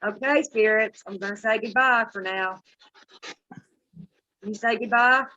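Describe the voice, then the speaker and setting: A woman's voice: a little high, measured pace, bright, forceful tone. Middle-aged woman, dull lo-fi sound. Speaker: paranormal live stream host. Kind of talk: casual chat and storytelling to live viewers. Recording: dull, lo-fi live stream audio.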